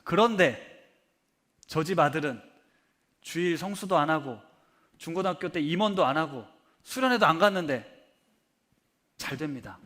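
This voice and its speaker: A man preaching a sermon as pastor, animated and earnest, acting out imagined complaints to God. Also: high voice. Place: church hall.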